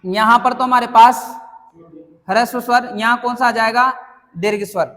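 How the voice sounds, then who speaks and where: A man teaches a classroom grammar lesson in a fairly high voice. He keeps asking the students questions and then answers them himself. The room gives his voice a long, ringing reverb. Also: fairly even intonation, normal speed, fairly bright tone.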